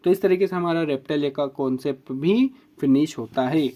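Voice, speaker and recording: A man's voice: on the high side, mellow. Male teacher stretching out key words. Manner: repeats key words slowly, drawn-out emphasis. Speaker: biology teacher. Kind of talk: explaining mnemonic tricks.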